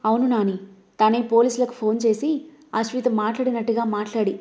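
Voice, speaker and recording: A man's voice: very high-pitched, flat delivery, fairly quick, highs cut off. A woman voicing a brooding, hot-tempered young husband who speaks sternly and sharply, in a narrated audio story. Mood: angry. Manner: stern, sharp when angry.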